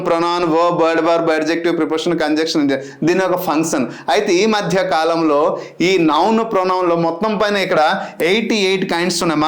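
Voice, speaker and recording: Rousing male exam coach. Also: fairly high pitch. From Andhra Pradesh, India. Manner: rousing, mixes English terms into lists. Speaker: exam coach, English teacher. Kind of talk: motivational lecture and exam lesson. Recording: echoey room.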